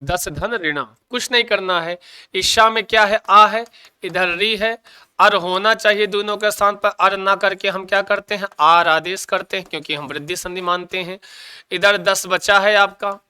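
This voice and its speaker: Speaking at a moderate pace in a high, sharp, smooth voice with a steady tone, a man lectures on Sanskrit grammar for exam prep. He asks questions, supplies the answers himself with much repetition, and calls his students "bhaiya" and "ji"; the recording is dry.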